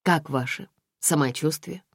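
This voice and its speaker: A woman's voice: sits low, measured pace, breathy edge, no echo, heavily acted. Woman reading a dry, formal male investigator. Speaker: audiobook reader.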